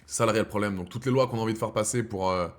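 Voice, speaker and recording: A lowish, steady voice delivers rapid-fire, rambling slang as this live-stream host in his thirties chats with his viewers, his brothers. His mood moves from heated ranting to calm musing.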